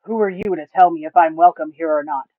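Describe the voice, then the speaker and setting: A man's voice: a little high, quick pace, no room sound, lightly acted. A man voicing a bitter undead lion warrior. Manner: bitter, solemn explaining. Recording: tinny, phone-like, dry.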